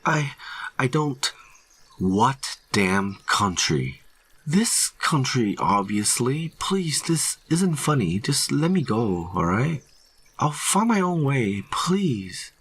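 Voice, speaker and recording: A man's voice: medium pitch, big pitch swings, slow pace, a bit bright, husky, pitched above the performer's own voice, full character voice. A man voicing a frightened lost male hiker in glasses, who stammers and pleads nervously. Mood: terrified.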